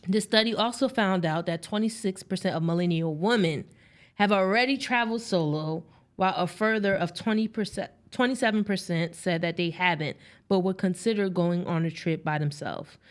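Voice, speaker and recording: A woman's voice: fairly low pitch, moderate pace. A young adult woman co-hosting a podcast, who asks questions and chats casually. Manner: conversational, asks questions, teasing. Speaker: podcast co-host. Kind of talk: casual chat.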